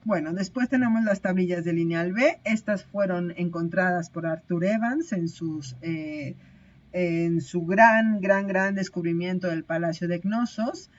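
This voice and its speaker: A woman's voice: on the low side, unhurried, lo-fi sound. A woman teaching a recorded online lecture, explaining step by step with frequent hesitations and self-corrections.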